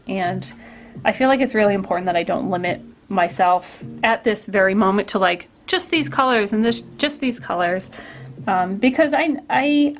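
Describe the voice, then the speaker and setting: A woman artist hosting a casual studio vlog, talking while she paints, rambling with lots of fillers and restarts. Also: medium pitch. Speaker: artist and vlogger. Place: home art studio.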